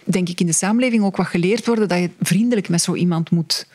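A woman with a Flemish accent speaks as an interviewed expert, measured and a little hesitant. She explains things patiently, often pausing mid-phrase and tagging sentences with a short question. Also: on the low side, a little mellow. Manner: measured, frequent tag "hè" and hesitations.

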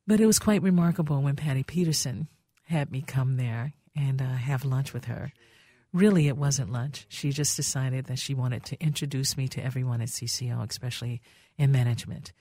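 With a very deep voice at a moderate pace, this older female radio talk show host shares a heartfelt memory of her start in broadcasting. She warmly brings the people in her stories to life by performing their voices. The studio-mic recording is dry.

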